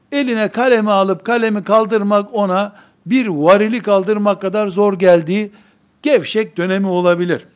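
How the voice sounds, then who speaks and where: A man preaching a sermon in an emphatic, rhetorical way, acting out the voices of the believers he describes. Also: sits high.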